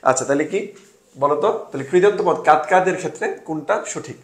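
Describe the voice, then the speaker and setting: A man's voice: a little high, quick pace, echoey room. A young man from Bangladesh tutoring an admission test class in a casual way. He asks questions and answers them himself, and he drops English words into his talk. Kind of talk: casual online exam-solving class.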